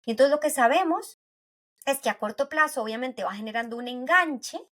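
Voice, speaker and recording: Costa Rican woman, slightly high voice. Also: lively intonation, brisk, fairly bright tone. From Costa Rica. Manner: tags sentences with "¿verdad?", explains with everyday anecdotes. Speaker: pediatric neuropsychologist guest. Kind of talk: conversational podcast explanation.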